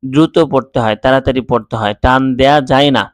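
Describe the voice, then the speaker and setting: A man teaching Quran reading, spelling out letters and vowel marks slowly and then explaining quickly. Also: mid-range voice, steady tone, smooth, no echo. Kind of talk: slow syllable-by-syllable recitation lesson.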